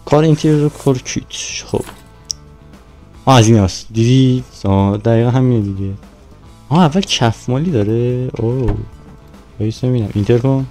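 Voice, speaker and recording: A man's voice: mid-range voice, mellow, faint music behind, poor audio. A young man giving casual, playful commentary while playing a car-washing game, talking to himself as he goes. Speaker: gaming YouTuber.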